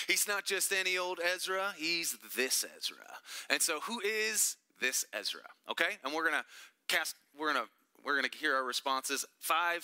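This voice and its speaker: Bright-voiced man teaching Bible study. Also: on the high side, clean tone. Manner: chatty, joking asides to the group. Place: church meeting room.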